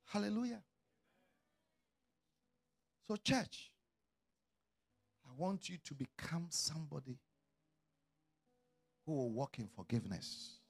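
A middle-aged man preaching a sermon as a pastor, swinging from quiet, low asides to loud shouted calls. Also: very animated, slow pace, creaky, pauses often, husky.

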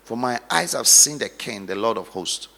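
A male pastor preaching dramatically, moving from hushed storytelling to loud exhortation. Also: mid-range voice, expressive, moderate pace, creaky, heavy background noise. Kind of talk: sermon. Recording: long hall reverb.

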